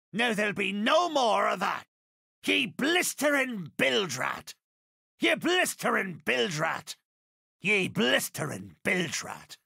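An actor playing a boastful, vengeful pirate captain in a video game, with a raspy voice, archaic pirate dialect and theatrical, drawn-out delivery. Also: male voice, sits high, pushed and bright, no room sound, clean studio sound, exaggerated voice. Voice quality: gravelly, raspy. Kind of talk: video game character voice acting.

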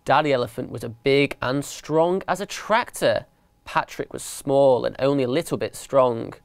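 A man reading a children's picture book aloud with an expressive, animated delivery. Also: medium pitch, moderate pace, vocal fry, clean tone, no echo. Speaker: storyteller.

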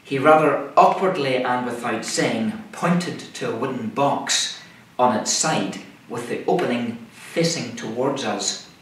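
A middle-aged male minister reads a scripted sermon while seated at a table in a small indoor room, delivering it deliberately in short, measured phrases. His mid-range voice has a fairly bright tone, and the far-off microphone picks up an echoey room and faint noise.

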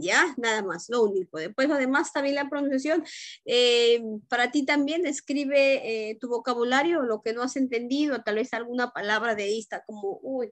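A woman's voice: on the high side, no echo. A woman teacher leads an online class, correcting students' pronunciation and checking in often. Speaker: English teacher. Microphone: video call.

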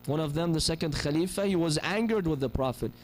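Guy in his 30s giving a sermon into a gooseneck mic, fairly high voice, acts out the people in his stories. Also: fast talker, low-quality recording. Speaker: preacher. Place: mosque hall, seated on a pulpit chair. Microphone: gooseneck microphone on a stand.

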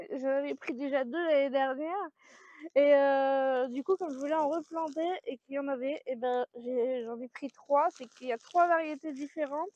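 Chatty woman vlogger, high voice, rambling, dry muffled recording. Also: normal speed, darkish tone, dry recording. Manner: chatty, rambling, with many fillers and laughs. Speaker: vlogger showing her grocery haul. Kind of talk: casual chat to camera. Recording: dry, dull lo-fi sound.

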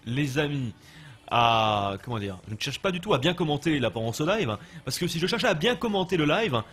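A man's voice: a little high, big pitch swings, a little fast, fairly bright tone, husky. A young man with a French accent giving loose, chatty live commentary while playing a game and answering his chat. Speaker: gaming livestreamer.

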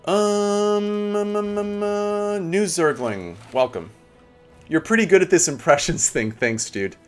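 A man's voice: sits high, slow pace, smooth, faint music behind. A man streaming a game, chatting casually with viewers, laid-back, swearing and laughing often. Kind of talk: casual live-stream chat.

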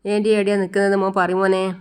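A woman voicing a kind young woman gently coaxing a small child. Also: mid-range voice, little pitch movement, fast talker, clean tone, close to an everyday voice.

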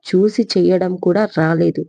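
A woman's voice: on the low side, steady tone, moderate pace, creaky, dark tone, dry recording. A woman voicing a stern middle-aged mother who scolds and warns her daughter. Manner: reproachful, warning.

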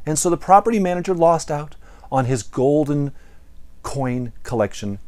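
An American man in his fifties who presents property management lessons delivers a playful storytelling lesson, theatrical and emphatic. His voice is a little high, animated, clear and resonant with a darkish tone, at a moderate pace. He's recorded on a lapel mic in an indoor studio before a backdrop.

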